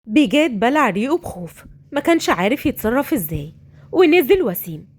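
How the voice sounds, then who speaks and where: A woman with an Egyptian accent narrating a dramatic story in a lively, brisk way. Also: on the high side.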